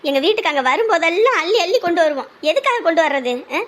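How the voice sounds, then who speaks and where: Very high-voiced, fiercely scolding woman. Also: expressive, rapid-fire, fairly bright tone. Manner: lamenting then fiercely scolding. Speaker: wife of the brother, sister-in-law of the bride's side. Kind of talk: rural family drama acting.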